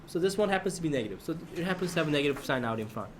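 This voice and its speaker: High-pitched male teacher talking to class. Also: animated, very fast, slight background noise. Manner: questioning, prompts class for answers and checks understanding. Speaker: math teacher.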